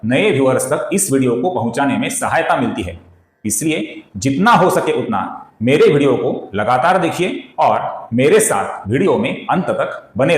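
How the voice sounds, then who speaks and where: A man's voice: medium pitch, roomy sound, rough recording. A man teaching correct pronunciation of a Sanskrit hymn, explaining each syllable and chanting the verse line by line. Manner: slow, deliberate, addresses viewers as friends. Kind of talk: step-by-step pronunciation lesson with chanted recitation.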